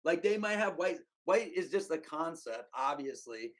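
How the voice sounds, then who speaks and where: Rambling man with a higher voice. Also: lively intonation, moderate pace. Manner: rambling, filler-heavy, emphatic. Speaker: podcast guest. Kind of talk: casual conversation.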